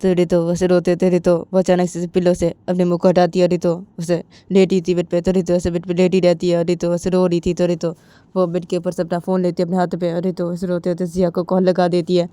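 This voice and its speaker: A woman's voice: monotone, fast, dark tone, clear, resonant tone, dry recording. A woman narrating a romance story aloud in a casual, repetitive way. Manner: lower, repetitive narrating with many fillers.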